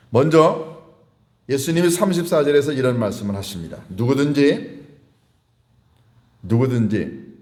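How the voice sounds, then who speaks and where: A man pastor giving a sermon, explaining word meanings and putting questions to his congregation, slowing down to stress key words. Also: mid-range voice, a little mellow. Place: church sanctuary. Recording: echoey church hall.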